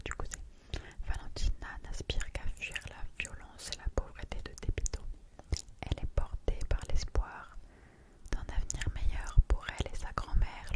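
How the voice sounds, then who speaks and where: A young adult speaks in a soft, library-like ASMR whisper, reading aloud and chatting informally about books. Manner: reads blurbs aloud with informal asides. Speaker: ASMR book haul creator. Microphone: streaming microphone close by.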